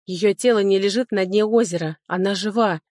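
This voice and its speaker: A woman's voice: medium pitch, normal speed, darkish tone, dry recording, studio quality, lightly acted. A woman voicing a furious male duke and mage, barking orders in a commanding voice. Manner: commanding, demanding.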